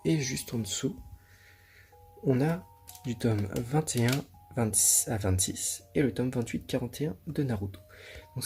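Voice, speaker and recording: A man hosting his own video, chatting casually and showing off his collection, relaxed and full of hesitations and fillers. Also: lowish voice, breathy edge. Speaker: manga collection video host.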